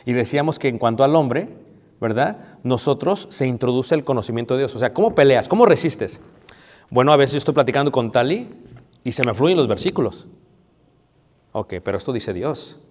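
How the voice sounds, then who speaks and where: A man's voice: medium pitch, lively intonation, fairly quick, darkish tone. A man preaching a marriage sermon, conversational and playful, asking the audience questions. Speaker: pastor. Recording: long reverb of a hall.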